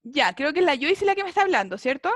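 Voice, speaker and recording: A woman's voice: high-pitched, big pitch swings, fast, a bit bright. A woman teaching a beginner English class over a video call, encouraging and often checking in with her students.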